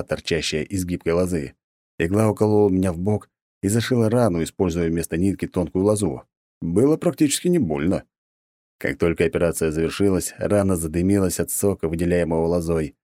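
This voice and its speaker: A man reading a first-person audiobook with an expressive, animated delivery. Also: low-pitched, dry recording, studio quality. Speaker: audiobook narrator. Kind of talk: scripted first-person narration.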